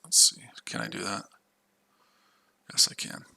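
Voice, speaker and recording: An unhurried, sharp-toned male voice belongs to an American from the United States trading on a livestream. He chats casually with his viewers, rambling and repeating himself.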